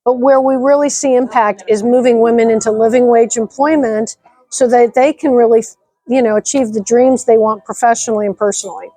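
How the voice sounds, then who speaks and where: A woman's voice: a little high, steady tone, a little fast, warm tone, dry recording. Upbeat middle-aged woman being interviewed. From Nebraska, United States. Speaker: nonprofit executive director. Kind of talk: interview conversation.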